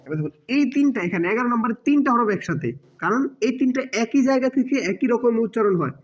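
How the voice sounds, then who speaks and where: High-voiced man teaching tajweed. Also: animated. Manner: patient, repeats each letter slowly for students to follow. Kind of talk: online class, drilling letters and vowel marks. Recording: dull lo-fi sound.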